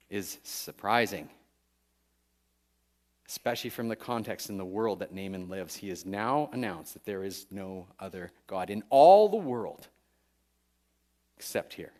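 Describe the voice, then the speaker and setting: Lively, animated male pastor. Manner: animated, conversational preaching with frequent "right?" asides; acts out the story's figures with raised pitch. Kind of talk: sermon.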